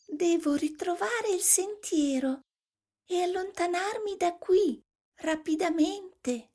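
Little storybook girl, very high shifted voice, soft-edged tone, naive, cheerful, wide-eyed. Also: slow pace. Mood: anxious. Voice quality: thin small voice. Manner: innocent, wide-eyed, exclaiming.

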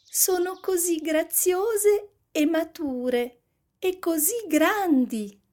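A woman's voice: very high-pitched, drawn-out words, darkish tone, pitched above the performer's own voice, exaggerated voice. A woman voicing a cheerful, naive little girl in a storybook tale, with a thin small voice and an innocent, exclaiming manner. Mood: delighted. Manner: innocent, wide-eyed, exclaiming.

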